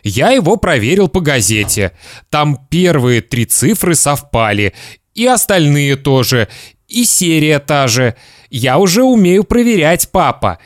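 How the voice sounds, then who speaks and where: A small, excitable boy who cannot stop pleading in a high, bright voice, as a man reading a storybook puts him on. The reading is unhurried and the sound is dry and close. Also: no echo. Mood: proud. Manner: eager, high and pleading, turns tearful.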